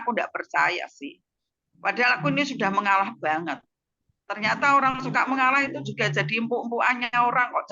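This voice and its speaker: A woman's voice: on the high side, pushed and bright. Javanese-accented woman, lo-fi video call. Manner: emotional storytelling, frequent tag words. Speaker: guest giving a testimony. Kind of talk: personal testimony over a video call.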